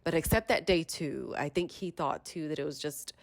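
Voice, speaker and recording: Low-pitched woman in her thirties, congested and stuffy, rambling vlog voiceover, very dry close sound. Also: normal speed, gravelly, no room sound. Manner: chatty, rambling storytelling. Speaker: vlogger. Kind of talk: casual voiceover chat.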